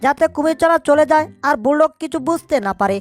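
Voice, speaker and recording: A busy little male cartoon mouse chatters and scolds in a high, quick voice, as a woman plays him. He keeps thinking aloud as he fusses over each mess. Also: expressive, faint music behind. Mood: fretful. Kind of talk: fan cartoon dubbing.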